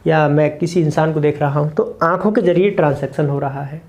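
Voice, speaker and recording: Guy with a high soft mellow voice explaining meditation to camera, earnest, keeps listing things. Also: a little fast. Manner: earnest, repeats points in short lists. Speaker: meditation teacher. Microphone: camera mic, speaking to camera.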